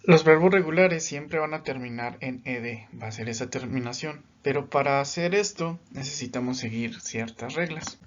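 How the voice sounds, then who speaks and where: A man's voice: mid-range voice, normal speed, hardly any pauses, muffled recording. A man teaching English grammar in a recorded lesson, patient and step by step, often checking in as he explains.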